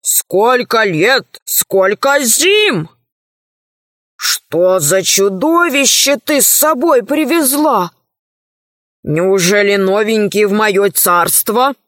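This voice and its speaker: Woman playing a storybook king, fat, lazy, grumbling, drawling, low, slow. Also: expressive, fairly bright tone, dry recording, clean studio sound. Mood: delighted.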